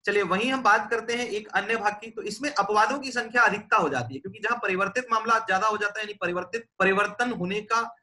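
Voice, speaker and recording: A man's voice: high-pitched, fast talker, few pauses, pushed and bright. A man from India teaching a lecture, patiently explaining and demonstrating sounds aloud. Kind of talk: classroom lecture.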